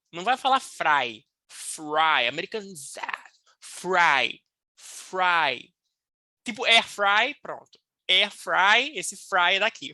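Brazilian woman, English teacher, bright dry close sound, unhurried and lively. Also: on the low side, dry recording. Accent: Brazilian Portuguese. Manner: lively and playful, slowing to drill English words. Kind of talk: casual online English lesson.

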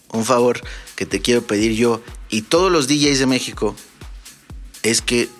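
Male podcast host, Mexican accent, animated comic storyteller, mid-range voice. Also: mid-range voice. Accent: Mexican Spanish. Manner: animated, swears freely, acts out the people in his stories. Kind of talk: casual comedic storytelling.

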